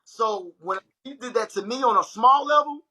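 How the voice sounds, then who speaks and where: A man's voice: extremely high pitch, moderate pace, low-quality recording. A young man hosting a casual livestream chat, telling stories animatedly and speaking straight to his viewers. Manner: animated storytelling, addresses viewers as y'all. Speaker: livestream host.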